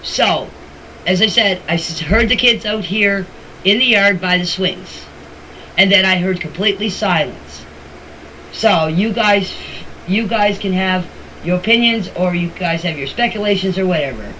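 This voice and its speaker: In a pushed, bright, mid-range voice, a little on the slow side, an older woman sends an informal voice message to a group chat. Opinionated and emphatic, she keeps repeating herself, and the phone recording is noisy and amateur.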